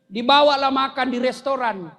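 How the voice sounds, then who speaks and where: Man, Islamic preacher, very high voice, joking sermon, animated storyteller. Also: moderate pace. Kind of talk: humorous sermon.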